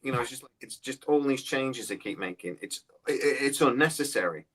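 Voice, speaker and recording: A man's voice: mid-range voice, expressive, brisk, fairly bright tone, breathy edge. Blunt man in his forties. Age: 40s. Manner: blunt and scornful, often repeats words and restarts. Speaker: podcast co-host. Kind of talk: casual opinionated chat.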